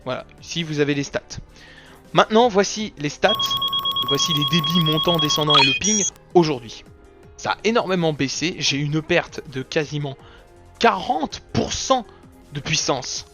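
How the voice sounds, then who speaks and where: A man's voice: fairly high pitch, animated, normal speed, loud music behind the voice. Slangy young man recapping his channel. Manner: slangy and joking. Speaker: YouTube gaming creator. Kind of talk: casual anniversary recap video.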